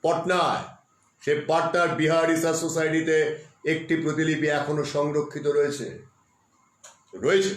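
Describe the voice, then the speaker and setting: A man's voice: a little high, fairly even intonation, normal speed, pauses often. A man presenting a history talk on a live stream, who keeps asking his viewers rhetorical questions and stresses key words. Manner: emphatic, spells out terms letter by letter. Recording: echoey room.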